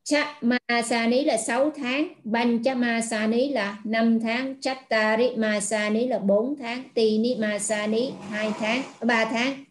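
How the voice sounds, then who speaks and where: A woman teaches as a Buddhist nun. She explains each sound patiently, pausing often and filling the gaps with soft hesitation sounds. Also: a little high. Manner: patient, slow explaining with frequent filler sounds. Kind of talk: online pronunciation lesson.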